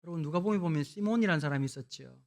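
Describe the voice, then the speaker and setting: A middle-aged man from Busan, preaching a lively revival sermon with humorous storytelling, swinging between hushed and loud. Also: on the high side, racing. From Busan, South Korea. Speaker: guest pastor.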